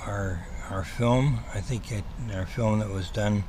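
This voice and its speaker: A man giving a casual livestream update as a host, rambling and halting, with a slight whistling lisp from missing front teeth. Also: fairly low pitch. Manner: rambling, hesitant, halting with repeated words. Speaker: host, cat rescue operator. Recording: clearly noisy ambient background.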